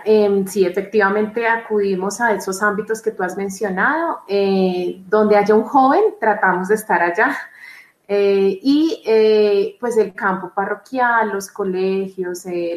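A woman's voice: mid-range voice, fairly even intonation, unhurried. Woman, religious sister, reflective, hesitant fillers, roomy echo. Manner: earnest, reflective, many fillers. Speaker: religious sister, vocation coordinator. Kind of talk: interview answer.

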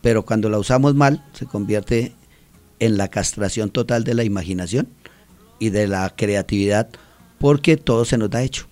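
A man's voice: fairly low pitch, normal speed, a little mellow, soft background music. A middle-aged man from Colombia, a teacher and author, talking earnestly in a radio interview and acting out the voices in his stories. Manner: earnest storytelling, acts out quotes.

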